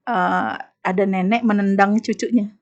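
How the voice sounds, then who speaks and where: A woman's voice: mid-range voice, a little slow, highs cut off. A woman with an Indonesian accent, speaking as a guest on an Islamic women's talk show and telling stories with emphasis. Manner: emphatic, animated storytelling with acted quotes.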